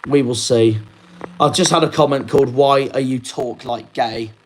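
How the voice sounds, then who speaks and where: The audio is poor, with slight background noise, as a young man from the Plymouth area swears and rants in anger over a match result. He's a football fan vlogger speaking at medium pitch and moderate speed.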